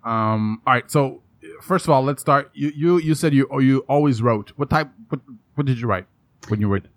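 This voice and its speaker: A man from Canada, hosting a podcast interview in a playful, energetic way. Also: mid-range voice, normal speed, no room sound. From French Canada. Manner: playful, energetic, rhyming hype lines. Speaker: podcast host. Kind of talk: upbeat interview chat.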